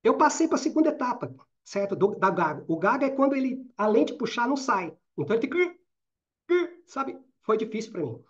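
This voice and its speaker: A middle-aged man from Brazil with a Minas Gerais accent, giving a live online training talk. He talks fast and keeps tagging his sentences with quick checks to the audience. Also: high-pitched, very animated, fairly bright tone. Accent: Minas Gerais Portuguese. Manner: talks fast, with frequent "né?" and "certo?" tags. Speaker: career and networking trainer. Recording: slightly dull lo-fi audio.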